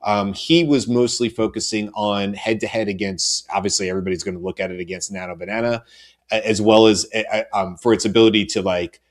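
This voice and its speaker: A man's voice: on the low side, steady tone, a little fast. A middle-aged man co-hosting a panel show, chatting casually with many fillers and restarts. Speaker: co-host.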